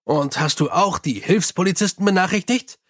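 A man voicing a gruff, weary middle-aged police commander who talks in a dry, blunt and grumbling way. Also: high voice, normal speed, a bit bright, voice pushed up. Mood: commanding.

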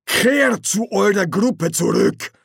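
A man voicing a gruff, suspicious foreign guard captain in an audiobook, slow and commanding. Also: high-pitched, lively intonation, a bit bright, dry recording, clean studio sound, pitched above the performer's own voice, full character voice. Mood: menacing. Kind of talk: audiobook character voice.

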